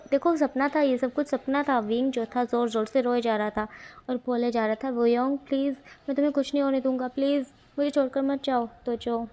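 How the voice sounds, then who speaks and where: Flat-voiced young woman retelling a story. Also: fairly high pitch. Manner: plain, even narration with quoted dialogue read flatly.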